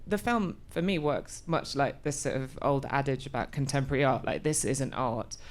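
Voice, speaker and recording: Low-voiced woman, thoughtful and halting. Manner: thoughtful, searching for words, many restarts. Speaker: actor, interview guest. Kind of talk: conversational interview.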